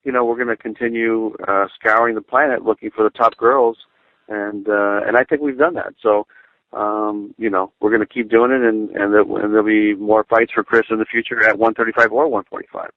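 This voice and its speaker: Male promoter, fairly low voice, business-like answers, dry and narrow phone-line audio. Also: fairly even intonation, fairly quick, no echo. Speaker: fight promotion executive.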